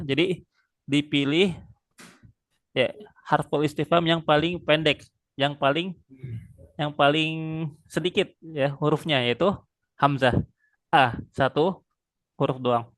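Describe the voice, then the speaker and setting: This male tutor's voice runs on the high side with a fairly bright tone, captured close and dry without echo. Teaching Arabic one-on-one online, he drills slowly and patiently, sprinkling in frequent pious interjections.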